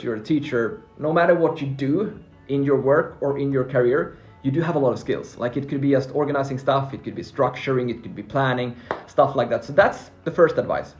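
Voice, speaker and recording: Speaking in a mid-range, somewhat dark voice, a Swedish-speaking man from Finland runs a friendly live Q&A on freelancing. He stays cheerful, though he repeats himself and restarts as he reads out viewer comments. Faint background music can be heard.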